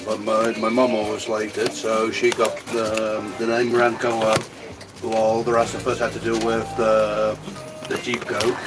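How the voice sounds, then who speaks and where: A man in casual chat, halting with many fillers and dry, self-mocking humour. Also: lowish voice, completely flat delivery, music in the background, rough recording. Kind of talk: casual chat while eating out.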